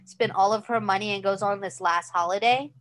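A woman's voice: medium pitch, fairly quick. A woman co-hosting a podcast, chatting casually with small restarts. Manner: relaxed, hesitant restarts. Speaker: podcast co-host. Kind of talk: casual chat.

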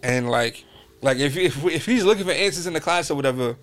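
A man's voice: on the high side, lively intonation, brisk, fairly bright tone. A young man from New York hosting a podcast, telling stories casually and acting out quotes in a raised voice. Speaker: podcast host. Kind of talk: casual storytelling chat.

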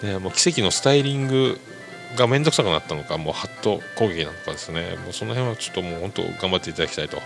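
Gravelly-voiced man chatting casually. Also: racing, over music. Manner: rambling, chatty, lively swings in pitch. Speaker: podcast host. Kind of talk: casual solo chat about music.

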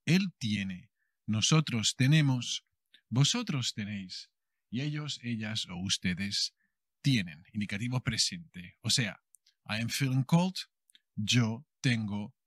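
A young man from Spain with a Castilian accent teaches a bilingual Spanish lesson at an unhurried, deliberate pace. He acts out little everyday scenes with plenty of expression. The recording is dry and close, with no room sound. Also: mid-range voice, dry recording.

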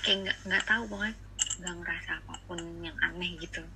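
This young woman, a podcast guest calling in by phone, speaks quickly in a fairly low, steady voice as she shares a personal story, casual and somewhat hesitant, with English phrases mixed in. The call carries noticeable background noise.

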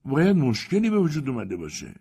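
A man voicing a fussy, excitable male magician who talks high and pushy in a storybook reading. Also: gravelly, breathy edge, full character voice.

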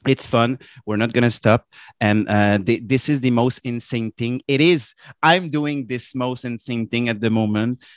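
A man with a French Canadian accent, a native French speaker, chatting effusively on a podcast in halting non-native phrasing. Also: mid-range voice, dry recording, clean studio sound. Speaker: guest, competitive gamer and community organiser. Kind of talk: casual podcast chat.

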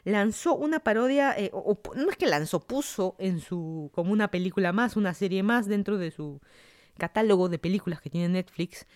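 A man's voice: high-pitched, animated, moderate pace, clean tone. A man from Peru hosting a podcast, commenting on the news in a casual monologue and thinking aloud with frequent restarts. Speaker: podcast host.

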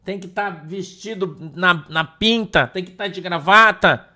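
Pastor from Brazil, male, high and bright-toned, blunt, scolding, slangy preaching. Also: unhurried. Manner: blunt, scolding, slangy, mimics whiny congregants. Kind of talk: blunt informal sermon.

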